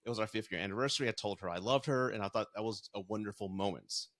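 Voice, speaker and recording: A man's voice: on the low side, quick pace, a bit bright. A middle-aged man, a dating and divorce coach, talking casually and earnestly as he tells stories from his own marriage. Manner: earnest, storytelling with acted-out quotes. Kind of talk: casual podcast conversation.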